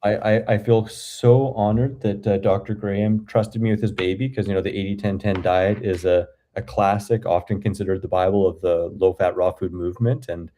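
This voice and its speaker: A man's voice: fairly low pitch, level tone, moderate pace, few pauses, dark tone. A Canadian man in his forties, a guest chatting enthusiastically on a video call and rambling through his stories. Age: 40s. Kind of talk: casual chat.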